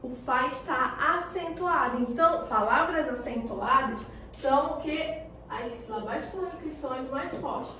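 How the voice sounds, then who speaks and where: High-voiced Brazilian teacher in an echoey room. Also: female voice, pushed and bright, a little hiss or hum. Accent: Brazilian Portuguese. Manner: asks questions and answers them herself, stretches key words slowly. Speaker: schoolteacher. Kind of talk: recorded remote class lesson. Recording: echoey room, voice far from the mic.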